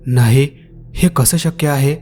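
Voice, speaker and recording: A man doing a scared young man in a spoken horror tale. He is lost at night and asks shaky, pleading questions. The voice stays dark and mellow. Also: mid-range voice, takes it slowly, faint music behind, close to an everyday voice. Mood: frightened.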